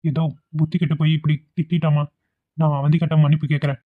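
A man's voice: fairly high pitch, level tone, fast. Man on tinny phone-like audio. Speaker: voice actor for cartoon characters. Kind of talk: tamil cartoon drama voicing.

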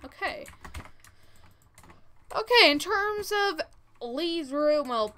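A bright, high young voice of a thirteen-year-old who pronounces r as w. The commentary is casual and instructional, like a gaming tutorial. There is some background noise with keyboard and mouse clicks. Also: animated, very slow. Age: 13 years old. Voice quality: says w for r. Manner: informal, instructing step by step. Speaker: gaming video host.

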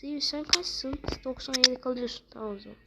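Excitable high-voiced woman gamer. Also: quick pace, creaky. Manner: excitable, slangy, bursts into shouting. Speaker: gaming channel host. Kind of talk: casual gameplay commentary. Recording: loud background noise.

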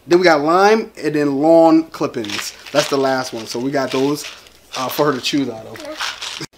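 A man's voice: mid-range voice, a little slow, a little hiss or hum. A young American man hosting a home vlog in casual, playful chat, teasing and egging someone on. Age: young adult. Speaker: vlog host. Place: living room sofa at home. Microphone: camera at about arm's length.

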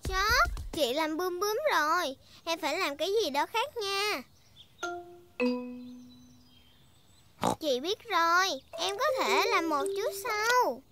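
A woman's voice: very high-pitched, animated, moderate pace, noisy background. A woman playing a cheerful, curious, bossy little girl pig in a dubbed children's cartoon, bubbly, childlike and singsong.

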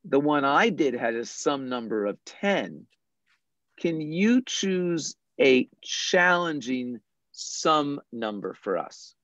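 A math teacher patiently and deliberately explaining a puzzle to young children in an online class. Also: mid-range voice, very animated, fairly bright tone, dry recording, lo-fi sound.

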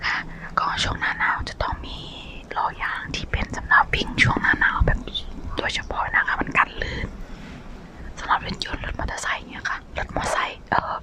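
ASMR host: woman, fully whispered, breathy, casual and polite chat aimed at the listener. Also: fairly quick, poor audio. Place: outdoors on a balcony in falling snow.

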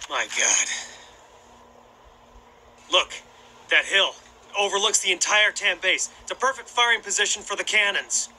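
A man voicing a stern plastic toy army sergeant who barks commands at his men in an animated war short. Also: sits high, a little slow, long pauses, exaggerated voice, low-quality recording. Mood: commanding. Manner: barking commands.

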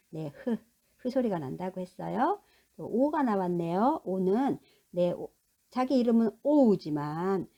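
A woman teacher giving a recorded English lesson to adult learners. She talks patiently, repeats each sound slowly, and asks and answers her own questions. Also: mid-range voice, creaky, warm tone, husky.

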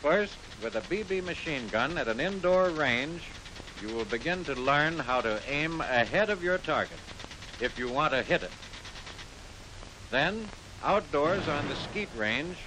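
A middle-aged American man giving formal, instructive mid-century newsreel-style narration for a military training film, in measured phrases. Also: on the high side. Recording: hissy, noisy vintage film soundtrack.

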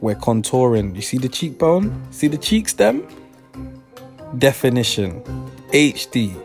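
A man's voice: mid-range voice, big pitch swings, unhurried, vocal fry, darkish tone. A man, giving teasing, incredulous casual comic commentary over music. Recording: background music.

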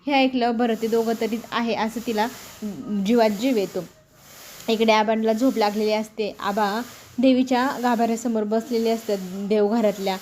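Female recap narrator, somewhat high pitch, plain retelling that quotes the characters. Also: steady tone, normal speed, a little mellow, slight background noise. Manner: plain storytelling, voicing the characters' lines in passing. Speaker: serial episode recap narrator. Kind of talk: retelling a TV serial episode.

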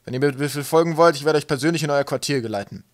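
Brief: male narrator voicing Wolkenwolf, angry sky pirate captain, loud, bossy. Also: a little high, fast talker, no room sound, voice pushed up, natural voice. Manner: harsh, loud, barking orders. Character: gruff domineering sky pirate captain, man.

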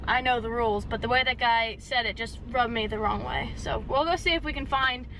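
A woman's voice: fairly high pitch, a little fast, fairly bright tone. A young woman vlogging from inside her car, chatty and exasperated as she rants. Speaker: fishing vlogger. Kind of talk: casual vlog rant. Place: inside a parked or driving car. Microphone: camera mounted or handheld in car. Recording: noisy car and street ambience.

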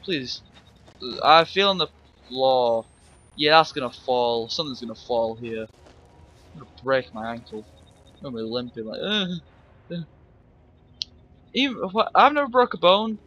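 A man's voice: mid-range voice, big pitch swings, moderate pace, dull audio. Jumpy young man playing a horror game. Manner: jumpy, swearing, laughing, yelling when startled. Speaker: gameplay commentator. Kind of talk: let's play commentary.

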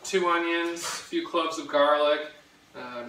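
A man in his thirties with a higher-pitched voice talks unhurriedly in a casual cooking vlog, rambling and relaxed, using lots of fillers while chopping. He's recorded off-mic by a camera across his echoey home kitchen, with a bit of hiss or hum.

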